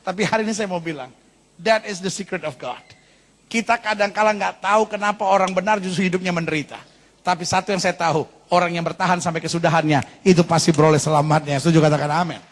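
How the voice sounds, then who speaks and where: A man preaching as a pastor, lively and animated, tossing in English phrases and calling the congregation to applaud and say amen. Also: sits high, quick pace. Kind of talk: sermon. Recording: long reverb of a large hall.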